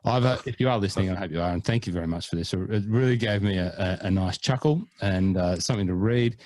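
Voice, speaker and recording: A deep-voiced man talks fast in a slightly mellow tone while co-hosting a golf podcast. The chat is casual, playful and mock-earnest, and he hams up foreign pronunciations.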